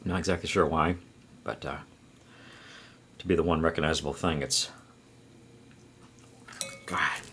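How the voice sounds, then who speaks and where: A man's voice: very deep voice, steady tone, unhurried, long pauses, bright, forceful tone, slight background noise. A man vlogging an eating challenge, talking while chewing with groans and sighs. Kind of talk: casual eating vlog.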